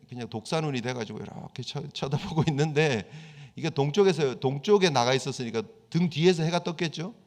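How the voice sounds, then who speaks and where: A male pastor delivers a sermon in a lifted, somewhat high voice. He talks to the congregation in a conversational way and slips into acted-out voices for quoted prayers. His voice rings with the long reverb of a church hall. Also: a little mellow.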